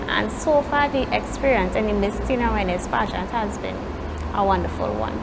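A young Trinidadian woman with a fairly high voice speaks as a pageant contestant. She gives poised, measured, rehearsed-sounding interview answers, with clear background noise behind her. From Trinidad and Tobago. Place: indoor studio set with pageant backdrop.

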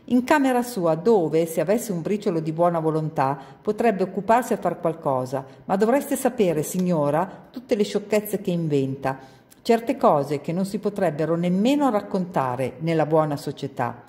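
A woman's voice: on the low side, lively intonation, moderate pace, mellow, close to an everyday voice. Woman doing a stiff, haughty governess. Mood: prim disapproving. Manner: prim, disapproving.

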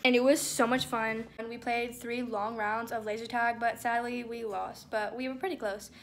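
A woman's voice: a little high, level tone, normal speed, a little hiss or hum. A young woman chatting casually in a vlog from a birthday outing, rambling with lots of fillers into a handheld phone. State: out of breath. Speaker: vlogger. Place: arcade and bowling alley, then home. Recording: loud music behind.

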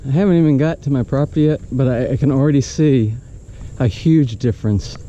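With music playing behind him, an older man talks a little fast at a medium pitch in lo-fi sound, vlogging as he strolls outdoors through a tropical roadside lot. He holds an action camera at arm's length, chatting loosely, calling out what he sees and frequently starting over.

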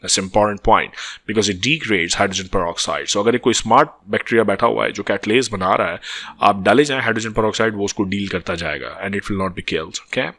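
Fast-talking Pakistani man lecturing, bright voice. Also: fairly low pitch. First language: Urdu. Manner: switches between English and Urdu. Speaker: medical lecturer. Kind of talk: lecture, reading a textbook aloud with explanations.

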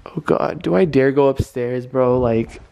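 A man's voice: medium pitch, a little slow, gravelly, a little mellow. A man in his twenties chatting casually and nervously to a handheld camera, slangy and half talking to himself. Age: 20s. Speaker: vlogger. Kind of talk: casual vlog chat to camera. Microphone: handheld camera at arm's length.

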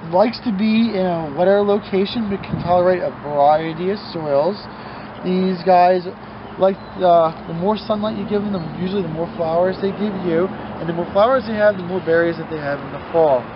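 A man talking about plants in a relaxed, casual way with a few fillers. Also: high voice, normal speed, muffled recording, background noise. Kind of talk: casual informative talk.

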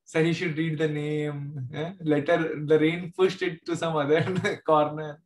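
A man's voice: fairly high pitch, level tone, a little slow. Echoey South Indian man teaching class. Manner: conversational, joking with students. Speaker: maths teacher. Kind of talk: informal online class teaching. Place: indoor room, online video class. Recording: roomy, echoey online class audio.

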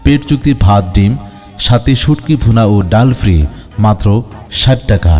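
Man, loudspeaker announcement, lowish mellow voice, long reverb, music behind. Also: moderate pace. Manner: declaiming, lists items and prices. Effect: through a loudspeaker. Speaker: advertising announcer. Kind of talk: promotional announcement.

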